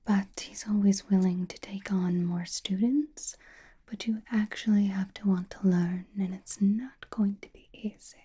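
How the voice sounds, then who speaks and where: Lady doing a mysterious witch for asmr roleplay, all breathy whispering, slow and mellow, soothing n a bit teasing. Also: mid-range voice, fairly even intonation. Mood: teasing, probing. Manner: slow, intimate, knowing, gently teasing.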